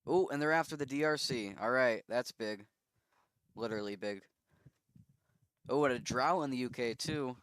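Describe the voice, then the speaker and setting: A man's voice: mid-range voice, normal speed, pauses often, fairly bright tone, smooth, no echo. A man giving casual commentary on a strategy game simulation, musing and thinking aloud with easy asides.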